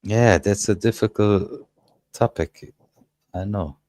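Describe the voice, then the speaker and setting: A man, speaking English as an in a casual panel chat and often pausing to search for words. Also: lowish voice, a little mellow, no room sound. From Germany. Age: 30s. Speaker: panel guest.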